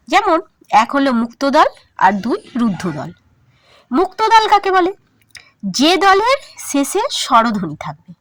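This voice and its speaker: Lively high-voiced woman teaching a lesson. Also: no echo. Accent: Bengali. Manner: slow, emphatic, syllable-by-syllable teaching. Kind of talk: explaining a grammar lesson to students.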